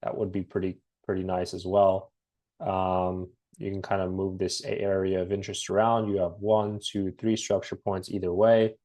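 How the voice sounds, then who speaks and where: Man, slightly raspy voice, head cold, lowish pitch, relaxed halting chart talk. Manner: relaxed, halting, many ums and restarts. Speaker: forex trading analyst. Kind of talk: casual screen-share market breakdown.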